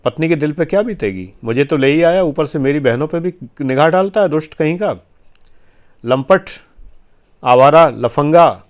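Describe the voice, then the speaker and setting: A man's voice: a little high, lively intonation, normal speed, lightly acted. A man voicing an indignant young wife who scolds her husband in a quoted aside.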